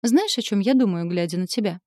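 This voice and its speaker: A woman's voice: mid-range voice, lively intonation, fairly quick, darkish tone, no echo, clean studio sound, close to an everyday voice. Woman voicing a mocking demon knight. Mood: hushed. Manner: taunting, commanding. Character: mocking male demon knight, domineering and sly.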